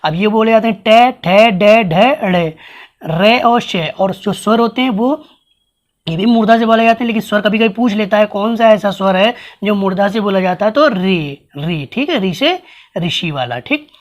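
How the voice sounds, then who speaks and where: Man teaching, sounding out letters. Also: high voice. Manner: sounds out letters slowly and repeatedly, asks the class questions. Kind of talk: blackboard-style grammar lesson.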